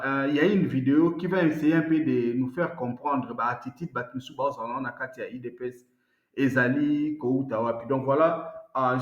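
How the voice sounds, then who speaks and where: A man's voice: medium pitch, echoey room, lo-fi sound. A man hosting online news commentary, talking in a rambling, conversational way. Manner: rambling, code-switching commentary. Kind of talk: casual commentary.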